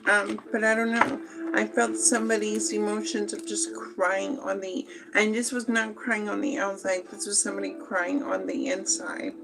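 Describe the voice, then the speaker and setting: A woman giving a slow, meandering spoken tarot reading, with many fillers and pauses. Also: mid-range voice, level tone, gravelly, poor audio. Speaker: tarot reader.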